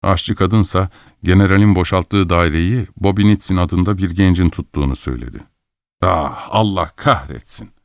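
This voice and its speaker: A man's voice: deep voice, normal speed, no echo, studio quality. A man voicing a fussy, jealous middle-aged husband in a fur coat who pleads and apologizes in a flustered way.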